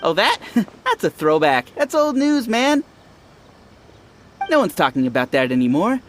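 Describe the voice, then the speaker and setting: A man's voice: sits high, huge pitch swings, a little slow, fairly bright tone, slight background noise, full character voice. A man voicing a breezy, dismissive young townsman who follows the trends in a video game. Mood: dismissive, smug.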